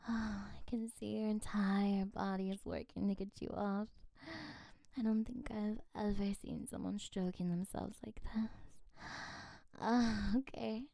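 A woman doing ASMR role-play as a flirtatious, coaxing friend, drifting between soft breathy speech and speaks softly, close and intimate as if right in your ear. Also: medium pitch, steady tone, measured pace, no echo. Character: flirtatious, coaxing female friend on a late call.

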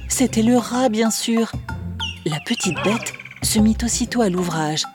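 A woman narrating a fable in an expressive, measured storytelling voice. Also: a little high. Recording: music bed under the voice.

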